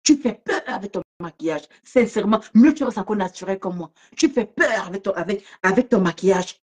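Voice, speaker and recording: Laughing loudly and mocking as she goes, a woman livestreams a casual rant about an online feud in quick bursts of speech. Her voice is medium in pitch and animated.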